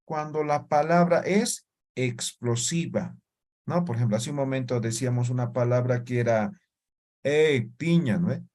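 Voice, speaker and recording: A man teaching a language class, talking slowly, checking in with his students and sounding out syllables one by one. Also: medium pitch, a little mellow. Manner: slow, checks in with "¿no ve?" and "¿ya?". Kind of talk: classroom lesson.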